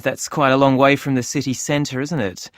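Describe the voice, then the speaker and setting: A man's voice: mid-range voice, steady tone, moderate pace, fairly bright tone, no room sound, natural voice. An actor plays a friendly male club clerk filling in a membership form, asking polite questions one after another. This is scripted exam listening audio, recorded dry and close. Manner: polite, asks form questions while typing.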